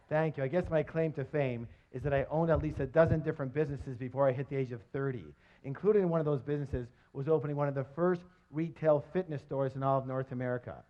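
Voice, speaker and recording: A middle-aged man giving a live motivational seminar on stage, energetic and quizzing his audience, on a dull lo-fi recording. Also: fairly high pitch. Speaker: seminar presenter.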